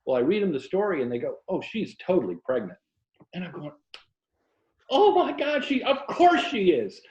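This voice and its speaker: An older American man from Tampa, Florida, a writer and former journalist, tells stories casually as an interview guest on a remote video call from an indoor room. His voice is high and very animated, a little mellow, at a moderate pace. The call audio sounds roomy and dull.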